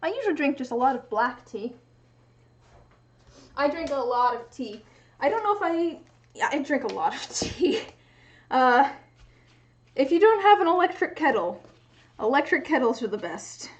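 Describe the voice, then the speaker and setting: A woman's voice: sits high, sing-song, normal speed, long pauses. A woman chatting casually as she works through a craft livestream. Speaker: craft streamer. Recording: dull lo-fi stream audio.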